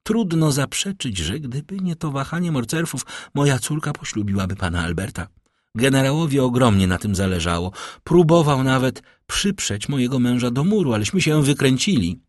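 A man voicing an artless, gossipy baroness, her voice set higher than his own and rising and falling in lively swings. Husky and dry, read close like a storybook. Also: normal speed, no room sound, lightly acted. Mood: gossiping. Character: naive, talkative grand lady, a baroness. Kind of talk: audiobook character reading.

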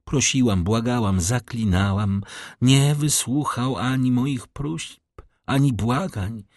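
A man's voice: mid-range voice, slow pace, dry recording, studio quality, voice pushed up. A man reading an audiobook, voicing a desperate, pleading young woman in love with a tearful, raised voice. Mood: imploring. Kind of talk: audiobook reading of a classic novel.

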